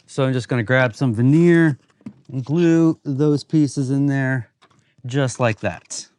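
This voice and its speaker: The host of a woodworking channel narrates a casual workshop vlog in an informal, plain-spoken way. His voice is medium in pitch, slow, and somewhat dark in tone.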